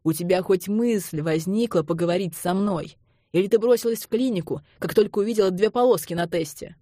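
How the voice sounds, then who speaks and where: A woman reading the lines of an angry young man who speaks harshly and roughly, in an audiobook. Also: mid-range voice, a little fast, no room sound, studio quality, close to an everyday voice. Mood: furious. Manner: harsh, rough, shouting through clenched teeth.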